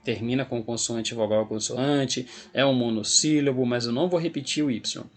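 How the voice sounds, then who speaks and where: In a video lesson, a man with a Brazilian Portuguese accent teaches English grammar, patiently explaining step by step and repeating the rules. His voice is mid-range and his pace moderate.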